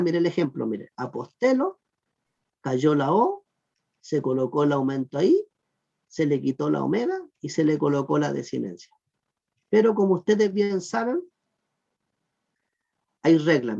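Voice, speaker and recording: A teacher giving an online class on Greek verb grammar, patiently repeating "look" and asking the class whether it is clear. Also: medium pitch, darkish tone. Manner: patient, repeats "miren" and "fíjense" often; asks the class check questions. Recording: muffled lo-fi recording.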